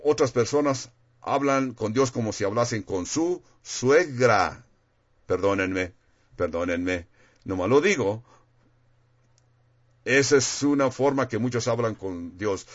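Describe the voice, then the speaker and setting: Low-voiced man preaching a plain, conversational sermon. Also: lo-fi sound. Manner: conversational, plain-spoken, reads scripture aloud.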